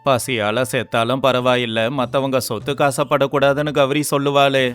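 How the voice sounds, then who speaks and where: A man's voice: mid-range voice, flat delivery, moderate pace, fairly bright tone, smooth, faint music behind, lightly acted. A man doing an earnest poor laborer. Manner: pleading, earnest. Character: poor, weary, honest young male laborer. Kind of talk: storybook voice acting.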